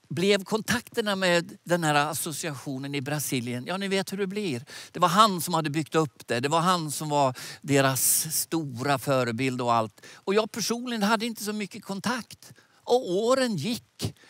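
A man in his sixties preaching a sermon outdoors with animated gestures, speaking into a headset mic. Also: a little high, dry recording. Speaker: preacher and mission leader. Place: outdoors by a lake.

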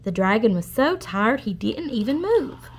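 A woman reading a storybook aloud to children in an expressive, explanatory way. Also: a little high, moderate pace, slightly rough. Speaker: children's read-aloud host.

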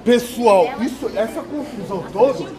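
Man, scene director, brisk and coaxing, high lively voice, echoey crowded stage. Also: a crowd in the background. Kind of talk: directing a rehearsal. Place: large studio stage, indoors.

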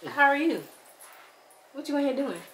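Young woman with a lively voice, teasing. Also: sits high, moderate pace. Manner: teasing, questioning, laughing. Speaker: vlogger's partner. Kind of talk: casual chat. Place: bedroom at home. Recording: echoey room with background noise.

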